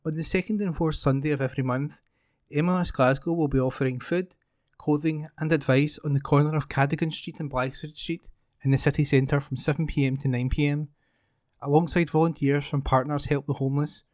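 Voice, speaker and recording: Male volunteer news reader, slightly high voice, dry close sound, formal delivery. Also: fairly even intonation, a little fast, a little mellow, no echo. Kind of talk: reading news articles aloud.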